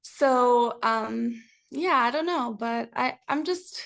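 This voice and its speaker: A woman's voice: a little high, slow, creaky, a bit bright. A young woman chatting casually as an interview guest, candid and reflective. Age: young adult. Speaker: interview guest, reality TV cast member.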